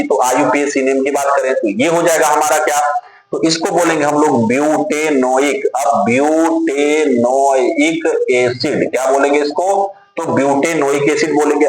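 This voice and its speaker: A man teaching a chemistry lesson to students. He spells names out letter by letter, asks his own questions and answers them, and calls the students dear children. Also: a little high. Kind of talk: classroom lecture. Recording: very echoey room with music behind.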